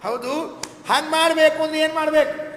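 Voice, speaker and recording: A man giving a scripture discourse, telling stories and chanting verses slowly. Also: very high-pitched, fairly even intonation, a bit bright. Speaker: religious discourse speaker. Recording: echoey hall, faint noise.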